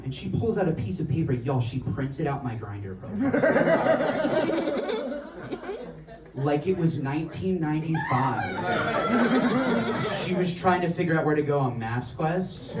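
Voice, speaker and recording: A man's voice: fairly high pitch, background noise. A man performing a stand-up comedy set on stage, telling stories in a rambling, conversational way with lots of filler words. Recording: echoey room, mic at a distance.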